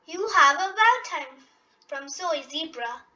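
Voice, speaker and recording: Reader as patient mother pig, storybook, reassuring, unhurried, bright high voice, lo-fi sound. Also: lively intonation, heavily acted. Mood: explaining. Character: kind, patient mother pig explaining gently.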